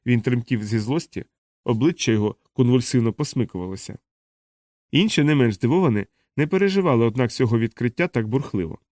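A man reading a novel aloud as an audiobook narrator, at a measured pace. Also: mid-range voice, animated, a little mellow, no echo, clean studio sound. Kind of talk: scripted narration.

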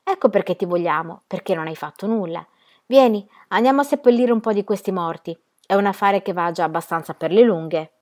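A woman reading aloud as a rough, bullying armed guard, calling out commands. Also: medium pitch, a little fast, close to an everyday voice. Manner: shouted, commanding.

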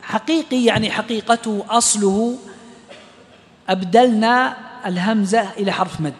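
Man, high voice, Quran recitation teacher, patient step-by-step classroom explanation, reverberant hall. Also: moderate pace. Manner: explains step by step, quizzes students. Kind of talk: classroom lesson on tajweed.

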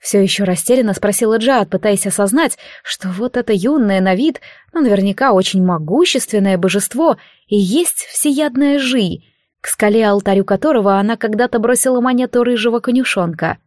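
A woman narrating a fantasy audiobook in a measured storytelling voice. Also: medium pitch, a little mellow, no echo, studio quality.

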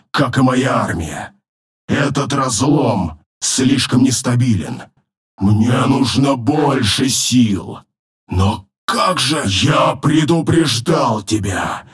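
A man voicing an arrogant, cruel male demon lord in an audiobook, his rough, rumbling voice thickened with a layered demonic effect. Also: exaggerated voice. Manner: slow, menacing, commanding. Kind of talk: audiobook narration with voiced characters.

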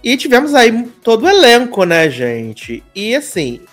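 Brazilian male podcast host, chatty and animated, light music bed. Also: very high voice, unhurried. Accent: Brazilian Portuguese. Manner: gossipy, animated, swears casually. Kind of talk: casual chat.

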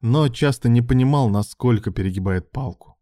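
A man reading a story as narrator in a steady, even storytelling manner. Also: mid-range voice, normal speed, no room sound, studio quality. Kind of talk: audiobook narration.

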